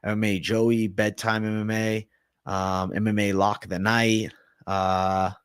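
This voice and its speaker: A man's voice: lowish voice, little pitch movement, unhurried, smooth, no room sound, studio quality. A man hosting a casual livestream Q&A, reading viewer comments and talking bluntly with some swearing. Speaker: livestream host.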